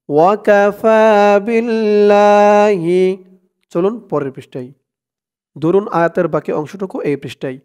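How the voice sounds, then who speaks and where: A man teaching Quran recitation, chanting verses slowly and drawn out, then explaining letters and vowel marks in quick asides and asking listeners to repeat after him. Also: on the high side, a little mellow. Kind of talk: recitation lesson with call-and-repeat.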